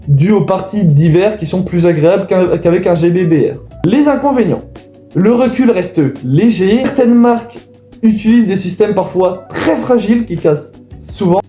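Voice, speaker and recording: Man, high mellow voice, casual explainer, echoey room, faint music. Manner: casual, addresses viewers directly. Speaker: video host. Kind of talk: explanatory voice-over.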